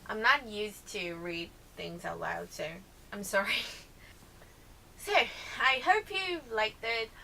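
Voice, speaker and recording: A woman's voice: mid-range voice, lively intonation, slow, vocal fry, sharp tone, a little hiss or hum. A woman with a Brazilian accent, a native Portuguese speaker, chatting casually through questions she reads out and answers, with hesitant self-corrections and rambling asides.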